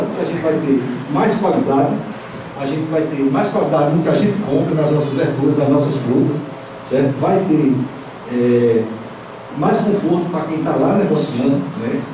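A man's voice: fairly high pitch, moderate pace. A young man addressing a city council chamber on a handheld mic, hesitant and repeating words, often checking "right?" with the room. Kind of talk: council floor speech. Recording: echoey chamber from a far camera, noisy.

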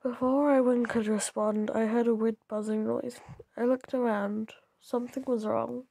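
Young woman, slightly hoarse and mellow, reading a story aloud and reacting chattily between lines. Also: a little high, little pitch movement, moderate pace, no echo. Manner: chatty, giggly, stumbling restarts. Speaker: YouTuber reading stories.

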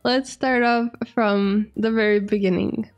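A woman's voice: medium pitch, steady tone, measured pace, dull audio, faint music behind. A woman hosting a podcast, chatting casually in an upbeat way, asking her co-host questions and laughing often.

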